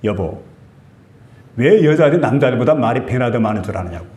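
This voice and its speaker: A pastor with a Gyeongsang Korean accent preaching a sermon in a church, telling stories and asking the congregation questions. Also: male voice, medium pitch, lively intonation, a little fast, darkish tone. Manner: storytelling with quoted voices, asks the congregation questions. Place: church sanctuary. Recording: echoey church room.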